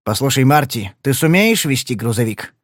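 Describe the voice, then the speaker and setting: A man's voice: mid-range voice, big pitch swings, normal speed, dry recording, studio quality, close to an everyday voice. A male reader voicing a blunt, scarred thug who growls his threats. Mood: gruff. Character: thuggish, scarred male brawler, blunt and menacing.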